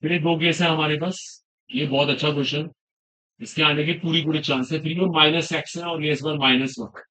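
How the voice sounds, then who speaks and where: A male teacher lectures a class of students, his voice a little higher than most men's. He quizzes the students often and goes back over the main points, dropping English phrases into his explanations. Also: fairly even intonation, brisk, pushed and bright, rough recording. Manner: questions students, repeats key points, mixes English phrases. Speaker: chemistry teacher.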